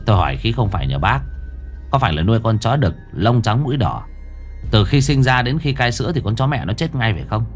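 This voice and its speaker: Một người đàn ông kể chuyện đóng vai một thầy pháp trẻ, nói giọng trầm, chắc nịch như giảng giải. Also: male voice, on the low side, sing-song, fairly quick, soft background music. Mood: stern. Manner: authoritative, lecturing. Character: young male exorcist, calm and commanding.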